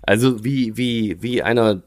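Low man, tiling business owner, halting restarts, dry close sound. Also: no echo. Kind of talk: casual podcast chat.

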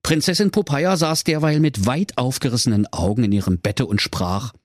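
A man narrating a comic bedtime story in a playful, animated way. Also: mid-range voice, moderate pace, no echo, clean studio sound.

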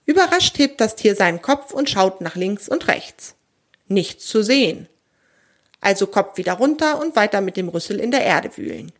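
A woman hosting a children's podcast, narrating a forest story clearly and gently, with casual asides to the listener. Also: medium pitch, very animated, moderate pace.

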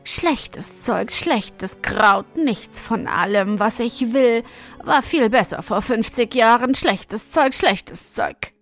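A woman voicing a hoarse, spiteful old witch who mutters and mocks in a storybook reading. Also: a little high, expressive, takes it slowly, soft background music. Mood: grumbling. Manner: muttering, mocking.

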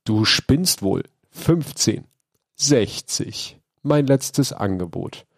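A man reading aloud as a gruff, scheming male crime boss who snarls his demands. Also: mid-range voice, lively intonation, drawn-out words, dry recording, clean studio sound, voice pushed up, heavily acted. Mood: haggling.

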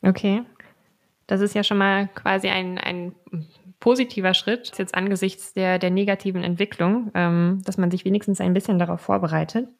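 Eine Frau, Podcast-Moderatorin, die mit kurzen Einwürfen und Nachfragen das Interview führt. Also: female voice, medium pitch, steady tone, normal speed, gravelly. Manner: short attentive interjections and follow-up questions. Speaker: podcast host.

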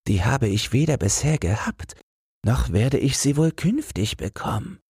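A man's voice: mid-range voice, expressive, a little slow, a little mellow, husky, dry recording, studio quality, voice pushed up, full character voice. A man voicing a humble old street lantern in a fairy-tale audiobook, fretful and tender. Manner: worried, keeps repeating a single fear.

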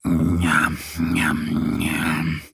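A man voicing an eager little boy bear in a children's story, a bit gravelly. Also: lowish voice, animated, slow pace, a bit bright, no echo, clean studio sound, full character voice.

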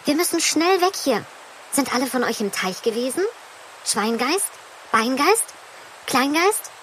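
A woman voicing a clever, plucky young flying hero in a children's audio story, talking in a lively, resourceful way. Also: high voice, a little slow, slight background noise, rough recording.

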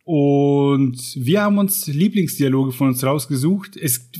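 Co-hosting a podcast about writing, this man talks with casual enthusiasm and plenty of fillers, then reads aloud from a book. His voice is medium-pitched with lively intonation, a little slow, warm and slightly rough.

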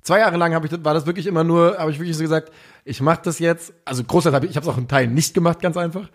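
Ein Mann, der als Co-Host locker und begeistert über Fußball plaudert, mit lässigem Slang. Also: male voice, on the high side, steady tone, quick pace. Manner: enthusiastic, slangy, self-deprecating. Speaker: podcast co-host. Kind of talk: casual football chat.

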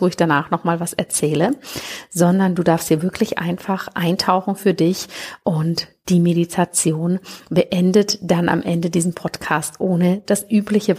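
A woman's voice: fairly low pitch, a little mellow, slightly rough. A woman hosting a podcast, introducing the episode and addressing the listener in a personal, encouraging way. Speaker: podcast host.

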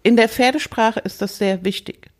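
A woman's voice: a little high, moderate pace. A woman co-hosting a podcast, chatting casually in a playful, teasing way. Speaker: podcast co-host. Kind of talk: casual chat.

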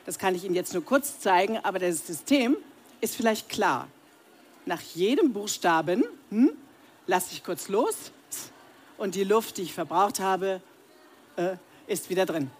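A woman voice coach speaking directly to a live audience, leading breathing and humming exercises and demonstrating the sounds herself. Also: lowish voice. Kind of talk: live voice training workshop. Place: seminar room with audience.

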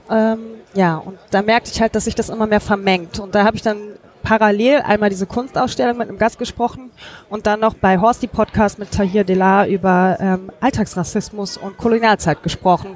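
A woman podcaster talking casually in an interview, thinking aloud with many fillers. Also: medium pitch. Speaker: podcaster, guest. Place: busy hacker congress hall.

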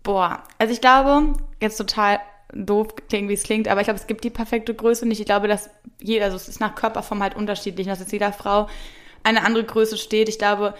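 A woman's voice: mid-range voice, fairly even intonation, fairly quick. A woman co-hosting a podcast in casual chat, playful, teasing and chatty. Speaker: podcast co-host.

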